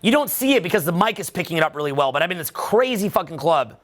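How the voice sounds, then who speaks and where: High-voiced man coaching with swearing. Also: fast talker. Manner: emphatic, profane, animated. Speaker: dating coach. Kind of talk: voice-over coaching commentary.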